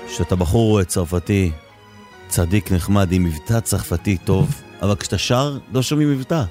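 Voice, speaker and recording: A man's voice: sits low, darkish tone. A man hosting a radio show in a casual, teasing, bantering way. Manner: joking, teasing. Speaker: radio host. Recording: music bed behind voice. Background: music.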